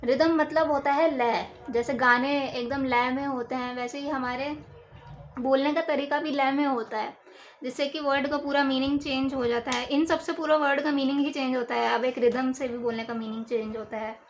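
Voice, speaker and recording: Higher-voiced woman teaching a lesson. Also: steady tone, a little hiss or hum, low-quality recording. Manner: explains slowly with examples, repeats key terms. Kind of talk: Hindi lecture for exam preparation.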